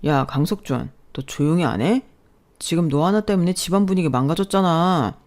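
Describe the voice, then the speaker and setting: A woman's voice: lowish voice, lively intonation, normal speed, darkish tone, natural voice. A woman plays a self-righteous eldest brother in a radio drama, stern and lecturing. He talks down to the family about household tradition.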